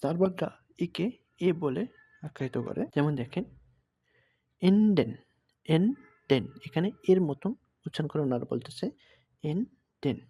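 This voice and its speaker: A young man with a husky, slightly breathy voice that sits a little high teaches letters step by step. He speaks Bengali as his first language and repeats each example word slowly and patiently. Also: expressive, mellow. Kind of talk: explaining at a blackboard.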